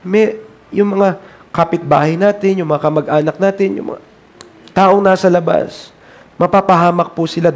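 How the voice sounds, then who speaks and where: A Filipino man preaching a sermon in a church, emphatic and repetitive, swinging between loud urgency and quiet earnestness. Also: high voice. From Philippines.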